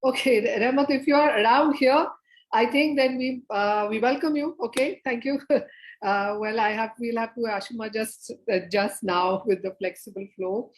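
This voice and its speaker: A woman's voice: fairly high pitch, moderate pace, rough recording. A woman facilitating an interactive online theatre workshop, coaxing her audience to take part. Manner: lively, coaxing audience participation. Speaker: theatre educator and presenter. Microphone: video call.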